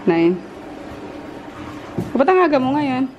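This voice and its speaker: A woman vlogging her everyday life, with a high voice that swoops up and down as she chats and laughs. She talks at an unhurried pace, letting out high squeals when she gets excited. Her handheld camera recording carries clear background noise. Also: dull audio. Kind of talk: casual daily-life vlog.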